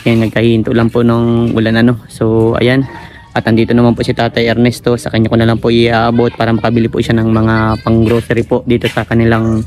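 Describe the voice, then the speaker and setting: A man hosting a charity vlog outdoors, greeting viewers and gently questioning a family. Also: mid-range voice, completely flat delivery, brisk. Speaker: vlogger doing charity visits. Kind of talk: casual vlog talk and interview. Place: outdoors at a rural home.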